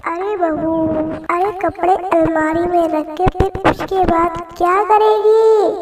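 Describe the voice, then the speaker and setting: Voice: very high-pitched, fairly even intonation, slow, heavily acted. A voice doing a nagging mother-in-law. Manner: scolding, nagging. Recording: distant, roomy, noisy.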